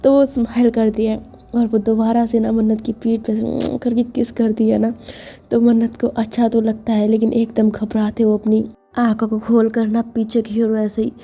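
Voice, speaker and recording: A woman's voice: on the high side, monotone, normal speed, mellow, faint music behind. A woman casually narrating a romance story in an intimate, chatty way with many fillers.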